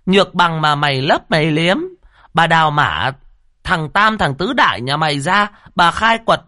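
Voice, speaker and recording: A man's voice: fairly high pitch, moderate pace, sharp tone, no room sound, studio quality, voice pushed up. A man voicing a furious, foul-mouthed village woman who hurls curses at her neighbor. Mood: screeching. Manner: screeching, cursing tirade.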